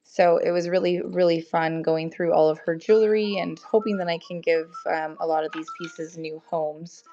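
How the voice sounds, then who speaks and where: With a cold sapping her voice, a young woman casually runs a live auction and greets her viewers by name. Her lowish, mellow voice moves at a moderate pace with fairly even intonation. The stream is dull and lo-fi, with faint music and a little hiss or hum.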